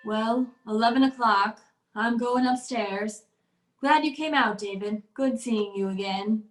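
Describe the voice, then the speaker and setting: A woman's voice: fairly high pitch, a little slow, lightly acted, rough recording. A woman playing a polite, weary middle-aged widowed mother in an old-time radio drama. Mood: subdued courtesy.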